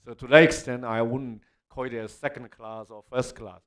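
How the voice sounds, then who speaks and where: A male university representative gives a spoken answer at a panel. His pitch is average, and he explains point by point with frequent tags to check understanding. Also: steady tone, normal speed, a bit bright. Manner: explanatory, punctuated with frequent "okay".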